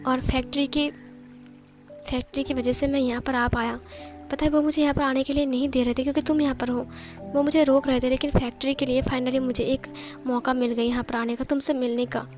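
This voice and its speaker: Woman doing a devoted young man, soft pleading tone, high voice, flat delivery, storybook reading. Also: close to an everyday voice.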